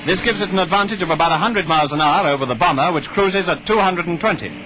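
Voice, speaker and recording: Over music on an old 1940s soundtrack, a man with a high-sitting voice and a British RP accent speaks fast as a newsreel narrator. His wartime commentary is clipped and declamatory.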